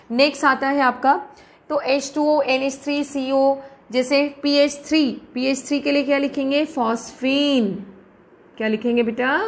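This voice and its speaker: Woman chem teacher, high voice, keeps quizzing students then answering herself. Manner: asks questions and answers them herself, calls students "beta". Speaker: chemistry teacher. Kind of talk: lecture.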